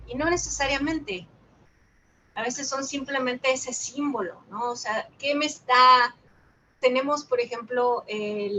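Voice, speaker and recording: A woman with a Mexican Spanish accent speaks calmly and reflectively, teaching a meditation group and asking rhetorical questions. Her voice is bright, sits a little high, and has a faint hiss of background noise behind it. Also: low-quality recording. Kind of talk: dharma talk with guided reflection.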